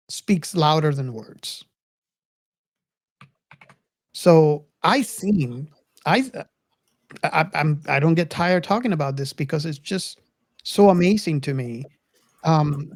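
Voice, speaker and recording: A podcast host with a low, somewhat mellow voice talks in a casual, eager, earnest manner, often repeating herself and restarting sentences. The clean studio recording has no room sound.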